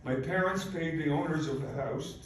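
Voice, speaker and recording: At a public event in a large hall full of echo, an invited speaker, a Polish Holocaust survivor in his eighties and native Polish speaker, gives a formal speech of personal testimony. He talks at normal speed in a voice on the high side, recorded from far off with faint noise.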